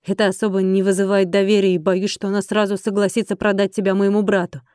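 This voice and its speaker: A woman reader voicing a calm, composed male dragon in human form, who speaks in a measured, confident way close to her own voice. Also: mid-range voice, clear, resonant tone, dry recording, lightly acted.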